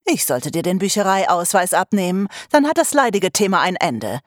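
A woman's voice: on the low side, sing-song, normal speed, dry recording, studio quality. A woman reading a stern, blunt mother. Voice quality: blunt, scolding. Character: stern, practical mother, middle-aged woman. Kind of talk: audiobook character voice.

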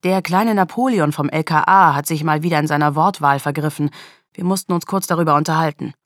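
A loyal male forensics officer speaks bluntly and mockingly, never holding back, as a woman reading the story puts him on. The voice stays low and dry, in a storybook reading. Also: fairly quick, dry recording, natural voice.

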